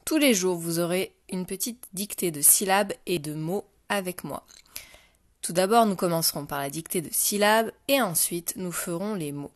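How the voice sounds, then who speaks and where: A woman teacher giving a slow dictation lesson to young children, saying each syllable clearly and repeating it. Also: fairly low pitch, no echo. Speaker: primary school teacher.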